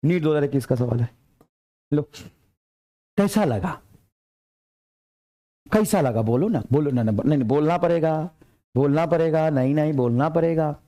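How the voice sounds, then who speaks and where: Male physics tutor, high-pitched, energetic, repeats phrases to push students along. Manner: energetic, repetitive urging, slow dictation of English problems. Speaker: physics teacher. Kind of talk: lively classroom lecture.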